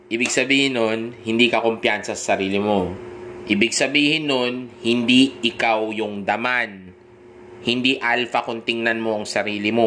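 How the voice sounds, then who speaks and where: A man with a Filipino accent giving dating advice in a direct coaching monologue, often pausing to check in with the listener. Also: medium pitch, pushed and bright, a little hiss or hum. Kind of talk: instructional monologue.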